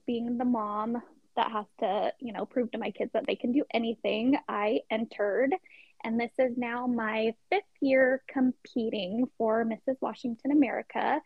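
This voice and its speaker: Husky gravelly woman, chatty storyteller. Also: fairly high pitch, no echo. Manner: chatty storytelling with frequent laughs. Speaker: podcast guest, pageant contestant. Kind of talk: casual interview chat. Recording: dull lo-fi sound.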